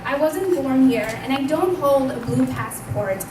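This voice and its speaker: Young woman, twenties, high voice, earnest personal testimony at a podium, off-mic in an echoey room. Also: animated, a little slow. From Pakistan. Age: 20s. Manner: earnest, conversational, speaks up loudly. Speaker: invited speaker at a community event. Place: community hall. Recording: echoey room, distant mic, background noise.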